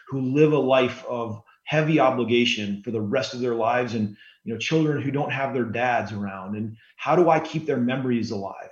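A man in his forties, a guest author on an interview podcast, explaining in an earnest, steady way. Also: mid-range voice. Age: 40s. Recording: roomy, slightly dull sound.

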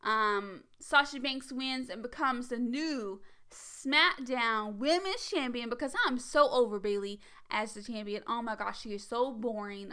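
A woman chatting casually as a wrestling fan, giving her predictions in a bubbly, rambling way, full of fillers and quick whispered asides. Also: fairly high pitch. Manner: drops to a whisper for excited asides. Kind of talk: casual vlog chat.

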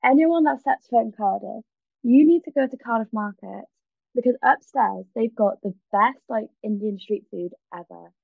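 A woman's voice: on the high side, normal speed, vocal fry, breathy edge, dry recording, phone-quality sound. A woman with a Welsh accent in a casual chat, talking in a hesitant, giggly, conversational way.

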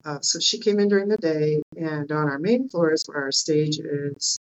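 A woman's voice: sits low, moderate pace, highs cut off. A woman interview guest casually telling personal stories in a hesitant, loose way.

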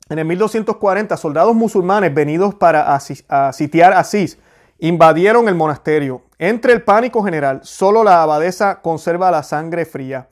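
Male preacher, fairly high voice, fervent and repetitive, loose unscripted delivery. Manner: fervent, repeats key phrases for emphasis; hesitant restarts mid-sentence. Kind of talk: informal sermon.

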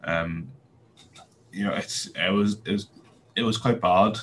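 A young Belfast man, a guest on a podcast, talks in a relaxed interview style but stumbles through lots of fillers and restarts. His pitch is low and his intonation fairly even, and he takes his time. There's slight background noise.

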